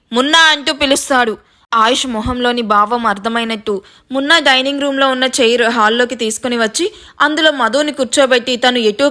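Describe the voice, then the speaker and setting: Storyteller, woman, high bright voice, dramatic reading with direct asides to listeners. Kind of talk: narrating a serialized audio story.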